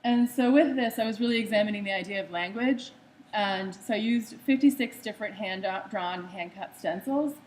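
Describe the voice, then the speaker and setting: A young American woman presents a slide talk about her own art, speaking conversationally with frequent ums and uhs. Her mid-range voice is a little mellow, and the low-quality recording has some hiss or hum.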